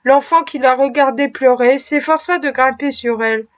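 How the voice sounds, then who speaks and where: High-voiced woman reading a novel. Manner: measured, expressive reading. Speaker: audiobook reader. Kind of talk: scripted narration. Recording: muffled lo-fi recording.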